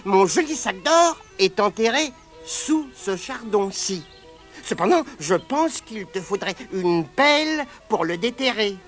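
Woman doing a squeaky, sly little leprechaun. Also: animated, slow pace, soft background music. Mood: cowed. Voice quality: very high, squeaky and shrill. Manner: sly and pleading, fakes tears and fright. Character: tiny, wily, whining male leprechaun.

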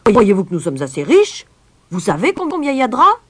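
A woman's voice: low voice, sing-song, moderate pace, breathy edge, exaggerated voice. A woman playing a pompous blustering mayor. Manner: loud, pompous, bellowing. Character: blustering middle-aged male town mayor.

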